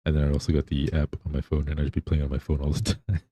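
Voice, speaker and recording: A man's voice: very deep voice, little pitch movement, very fast, dark tone, husky, no echo. A man chatting casually on a livestream as the streamer, in a laid-back, rambling way. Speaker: live streamer.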